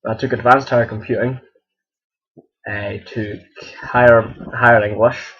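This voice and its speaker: A man's voice: medium pitch, steady tone, a little slow, slightly rough. A young man from Scotland with a Scottish accent, casually answering viewer questions in a rambling, self-correcting way. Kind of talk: casual chat. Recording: dull lo-fi home recording.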